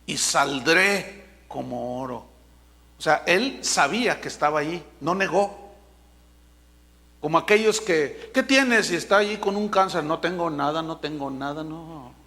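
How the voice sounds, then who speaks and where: Male preacher with a Mexican Spanish accent, high and ringing, emphatic sermon delivery with drawn-out words, church reverb. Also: vocal fry. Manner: emphatic, drawn-out preaching with sudden drops to a hush. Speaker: pastor.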